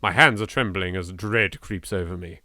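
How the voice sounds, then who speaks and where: This English let's player has a low, bright, forceful voice and talks at a normal speed. He hams up the game text as he reads it, breaking off for nervy, sarcastic remarks full of swearing.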